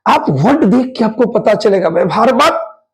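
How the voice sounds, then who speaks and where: A man teaching English grammar for competitive exams, drilling students with quick questions and repeating answers, spelling word endings out letter by letter. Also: high voice, expressive, poor audio. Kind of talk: exam-prep grammar lesson.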